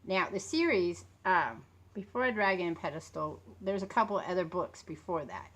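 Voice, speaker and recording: A woman in her late fifties with a fairly low voice, chatting in a loose, rambling way. She sounds tired and under the weather with a sore throat, and her words come out a little off because of a swollen lip. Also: lively intonation, normal speed, a bit bright. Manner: talking a bit funny from a swollen mouth. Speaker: vlogger talking about books and authors. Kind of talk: casual rambling chat.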